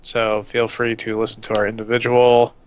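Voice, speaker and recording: A man's voice: medium pitch, completely flat delivery, normal speed, smooth, lo-fi sound. A man co-hosting a podcast in casual chat, rambling and self-deprecating. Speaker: podcast co-host.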